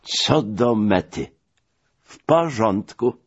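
A man voicing a feverish, stubborn, wealthy older country gentleman who speaks in a pleading, secretive way. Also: lowish voice, animated, very slow, husky, voice pushed up, full character voice. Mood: relieved. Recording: dull lo-fi recording.

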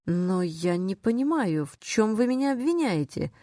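A woman voicing a pampered, timid young female client who babbles in a soft, wounded tone, in a dry, close recording. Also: mid-range voice, lively intonation, normal speed, no room sound, close to an everyday voice. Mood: plaintive.

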